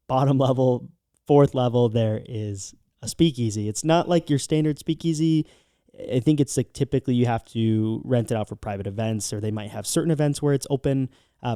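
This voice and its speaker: A man's voice: medium pitch, dark tone, no echo, studio quality. An American man co-hosting a podcast, chatting casually as he gives travel recommendations. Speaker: podcast co-host.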